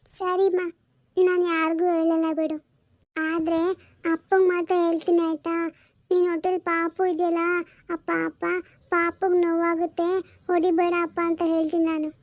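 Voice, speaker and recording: A woman plays a small, earnest daughter who is recovering from a fever, with a very high and flat voice that keeps asking and pleading. This is a homemade family drama recorded dry and close. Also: moderate pace, pauses often, dry recording. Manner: pleading and questioning. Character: little daughter, sick, caring and earnest.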